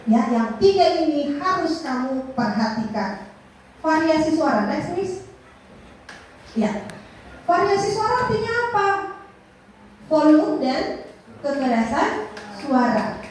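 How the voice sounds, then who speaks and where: High-voiced woman trainer in echoey hall. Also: slow pace, long pauses, slight background noise. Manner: lively, coaxing, asks class questions. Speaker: public speaking trainer. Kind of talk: classroom workshop talk. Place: school classroom or hall. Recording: echoey room, voice from far off.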